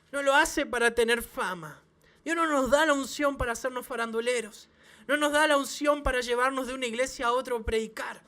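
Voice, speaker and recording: A man, a pastor, preaching a sermon to his church with emphatic repeated phrases and quick restarts. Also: very high voice, sharp tone. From Chile. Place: church service.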